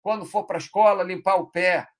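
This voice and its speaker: A man voicing an irritated parent scolding a child in a sharp, exasperated way. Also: high voice, steady tone, fairly quick, voice pushed up, lightly acted. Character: scolding nagging parent, irritated, shouting at a kid.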